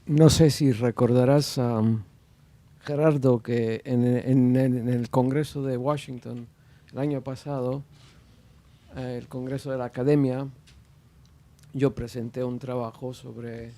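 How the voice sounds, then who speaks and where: An audience member at a panel discussion speaks off the cuff in a medium-pitched, dark voice with fairly even intonation. He takes it slowly, hesitating, using many fillers and restarting his sentences.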